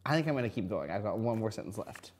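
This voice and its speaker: A kindergarten teacher leads young children through a reading lesson, addressing them directly with simple questions and sounding out words. He talks fast, with a lowish voice and lively intonation.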